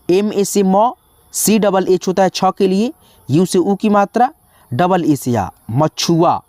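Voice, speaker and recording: A teacher slowly spelling out words one letter at a time, often calling the listeners friends. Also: medium pitch, darkish tone, dry recording. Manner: slow, drawn-out spelling with frequent "dosto". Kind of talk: spelling lesson.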